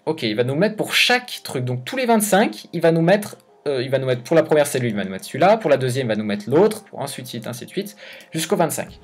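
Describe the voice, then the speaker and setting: Man, coding tutorial voice-over, medium pitch, thinking aloud, stumbles and corrects himself, informal slang, soft music underneath. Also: big pitch swings, fast talker, husky. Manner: thinks aloud, hesitant with frequent self-corrections. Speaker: YouTube tutorial host. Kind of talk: casual screen-recorded coding tutorial.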